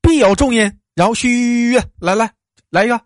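A man's voice: extremely high pitch, moderate pace, no room sound, studio quality. A man hosting a livestream chat, teasing and joking in a Northeastern Mandarin accent. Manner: teasing, jokey, stresses words. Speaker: livestream host.

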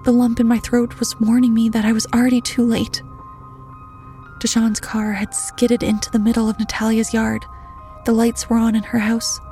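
A woman reading a horror story in scripted narration, steady and measured, often dropping to a hushed near-whisper. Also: a little high, faint music behind.

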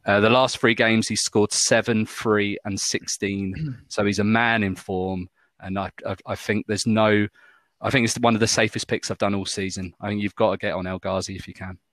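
A man with a Maltese accent talks in a casual podcast style about football. His voice sits fairly low, and the sound is dry and close. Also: fairly even intonation, moderate pace, fairly bright tone, dry recording. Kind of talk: casual fantasy football chat.

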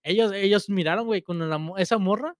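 Fast and high-pitched, a young man with a Mexican accent banters as a podcast co-host, laughing often amid crude, slangy, casual talk. The sound is clean studio audio without any room sound.

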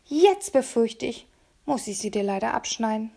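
A woman's voice: fairly high pitch, lively intonation, moderate pace, gravelly, warm tone. A woman voicing a brutish, menacing grown male kidnapper in an audiobook, growling, sneering and turning falsely sweet. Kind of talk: audiobook character voice.

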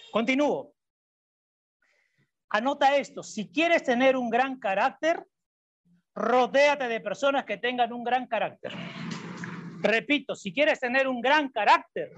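A woman preaching a sermon, repeating her key points and asking the congregation questions. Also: a little high. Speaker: preacher and psychologist. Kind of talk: sermon with Bible reading. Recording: dull lo-fi recording.

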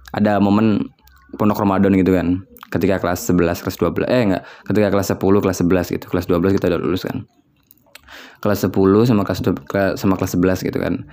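Young guy from west java just rambling to the mic, low mellow voice, lots of fillers. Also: fast talker. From West Java, Indonesia. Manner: rambling, musing aloud with frequent fillers. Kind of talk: casual solo chat.

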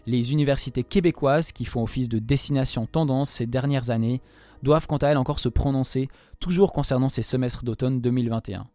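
A man's voice: medium pitch, brisk, dark tone, no room sound. A man reading a scripted student radio column with wry jokes. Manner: wry, jokey delivery.

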